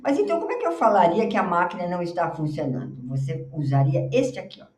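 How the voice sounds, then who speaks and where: A Brazilian woman teaching English on slides. She explains in Portuguese, models pronunciation slowly and keeps checking in with the class. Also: fairly low pitch, very animated, a little mellow. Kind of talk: slide-based language lesson. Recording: roomy, slightly distant mic.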